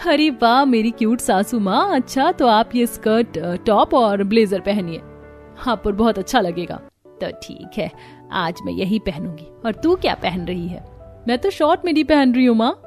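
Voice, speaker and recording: Gruff doting mother-in-law, voiced by a woman. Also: fairly high pitch, animated, normal speed, darkish tone, faint music behind, natural voice. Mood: playful. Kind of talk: cartoon story voice acting.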